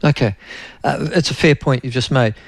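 A man's voice: mid-range voice, normal speed, creaky, husky, no echo. A man interviewing a guest, asking long, rambling questions. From New Zealand. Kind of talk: broadcast interview.

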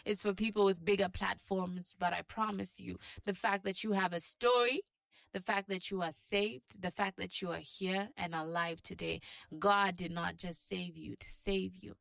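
Encouraging woman morning radio DJ, creaky voice. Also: mid-range voice, steady tone, normal speed, fairly bright tone, no echo, clean studio sound. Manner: encouraging, exhortative, with rhetorical check-in questions. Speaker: radio breakfast show host. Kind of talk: morning radio DJ hosting, talking straight to listeners. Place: radio studio.

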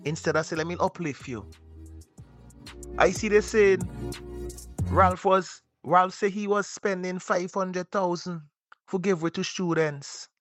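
A man's voice: sits high, fairly even intonation, unhurried, a bit bright, no echo, faint music behind. A man from Saint Vincent with a Vincentian accent, calling a radio show to give impassioned, rhetorical commentary in dialect. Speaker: call-in radio caller.

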